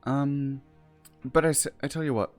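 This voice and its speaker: A man's voice: medium pitch, fairly even intonation, moderate pace, soft background music. A man playing a tabletop role-playing game, talking hesitantly with many ums and apologies. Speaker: player.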